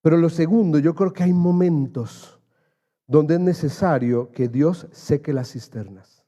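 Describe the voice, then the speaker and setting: Earnest preaching man, mellow voice. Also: a little high, a little slow. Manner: earnest, builds to emphatic raised passages, addresses listeners as dear brother. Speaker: pastor. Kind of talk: sermon. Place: church.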